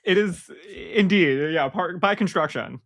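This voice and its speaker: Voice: medium pitch, measured pace. A podcast co-host in casual chat, talking in a dry, wry and wordy way.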